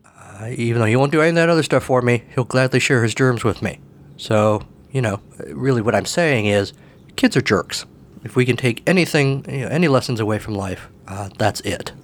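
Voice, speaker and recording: A man with a cold, husky in voice, hosting a solo podcast from his table at home in a rambling, wry way. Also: medium pitch, a little fast. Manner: rambling, wry, self-deprecating. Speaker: podcast host. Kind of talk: casual solo podcast monologue.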